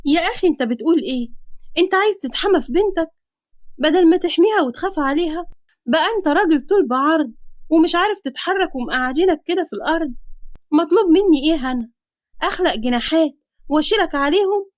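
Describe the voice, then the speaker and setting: A woman's voice: extremely high pitch, expressive, fast, dry recording, pitched above the performer's own voice. A woman voicing an indignant Egyptian young woman. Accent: Egyptian Arabic. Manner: loud, indignant scolding.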